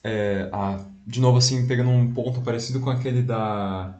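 A man's voice: mid-range voice, steady tone, normal speed, a little mellow, lo-fi sound. Male co-host reading comments, echoey sound. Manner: hesitant, many fillers like "né" and "assim". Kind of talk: casual live-show chat.

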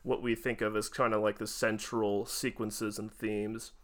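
A man's voice: fairly low pitch, level tone, measured pace. Fluent man hosting a podcast. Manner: fluent, welcoming, steering the talk. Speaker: podcast host. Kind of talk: casual chat.

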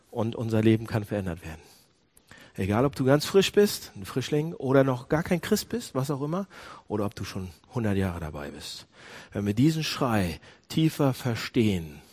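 Man preaching with a widely swinging pitch. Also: breathy edge. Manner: swings from soft and low to loud and high; asks the congregation direct questions. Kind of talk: sermon.

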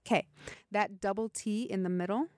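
A woman's voice: medium pitch, moderate pace, a little mellow, no echo, clean studio sound. A woman co-hosting a casual podcast, patiently explaining and teaching in a conversational tone. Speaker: co-host.

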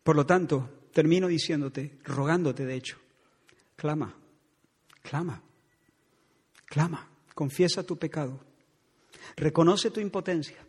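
Casting: middle-aged male pastor, high husky voice, fervent sermon delivery, long church reverb. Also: unhurried, long pauses, a little mellow. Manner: impassioned preaching, rising to pleading.

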